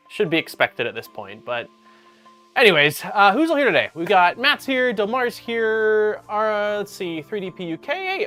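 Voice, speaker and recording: A man's voice: a little high, fairly bright tone. A man hosting a casual livestream, talking in an upbeat, rambling way with lots of fillers. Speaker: livestream host.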